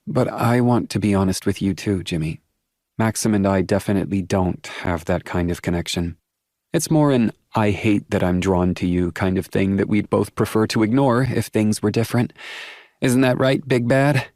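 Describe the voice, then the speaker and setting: A man voicing a sharp-tongued, defiant young woman in an audiobook, dry and sarcastic. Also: lowish voice, moderate pace, no room sound, pitched above the performer's own voice, close to an everyday voice. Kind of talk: audiobook character voice.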